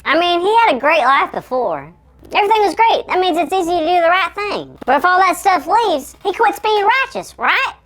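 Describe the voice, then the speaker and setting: Sped-up chipmunk voice, tiny panicky kids' show host, super bright and sharp. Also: female voice, big pitch swings, a little fast, exaggerated voice. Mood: curious. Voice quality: squeaky, cartoonish. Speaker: children's Bible show host. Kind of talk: comedic kids' show skit.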